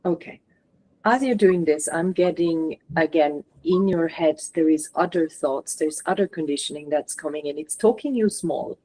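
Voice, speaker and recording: A woman with a fairly low voice leads a guided channeling session. She talks gently and in a coaching way, often filling pauses with "like", as she passes on messages to a participant. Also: rough recording. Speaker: spiritual channeler guiding a session.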